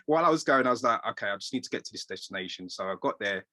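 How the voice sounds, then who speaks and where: A middle-aged man, a tailor being interviewed, telling stories in a rambling, animated way and quoting voices. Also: fairly low pitch, rapid-fire, no echo. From England. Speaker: guest tailor. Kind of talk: casual interview storytelling.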